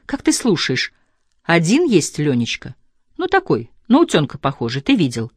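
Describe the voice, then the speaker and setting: A woman reading a novel aloud and voicing an impulsive, quick-tempered young woman who scolds and teases. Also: sits low, husky, no room sound, clean studio sound, full character voice. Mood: impatient. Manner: lively, scolding, teasing.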